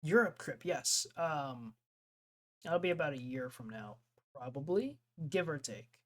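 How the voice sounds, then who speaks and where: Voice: medium pitch, expressive, measured pace, a bit bright. Rambling young streamer, laughing often. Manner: rambling, jumps between topics, laughs often. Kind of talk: casual chat with live viewers.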